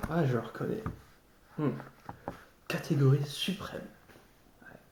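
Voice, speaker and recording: A man improvising a theatrical tirade in a sardonic, mock-polite way, halting and repeating his words. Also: on the high side, darkish tone. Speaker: amateur actor improvising a monologue. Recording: roomy echo, clearly noisy background, clicks.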